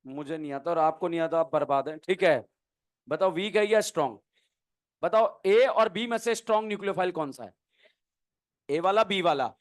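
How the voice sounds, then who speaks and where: A high-pitched man teaches chemistry in a classroom lecture. He keeps quizzing the class and answering his own questions, with a playful, teasing manner. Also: expressive, moderate pace, long pauses.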